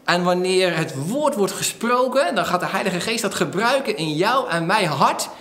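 A man preaching a sermon, retelling a story lively with acted-out quotes and frequent fillers. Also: sits high, moderate pace, reverberant. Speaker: pastor.

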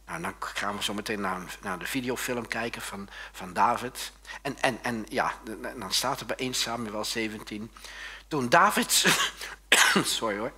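Man, pastor, sermon, husky, forceful, jokes, tag questions to congregation. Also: fairly low pitch, a little slow. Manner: lively and joking, often tags questions to the congregation.

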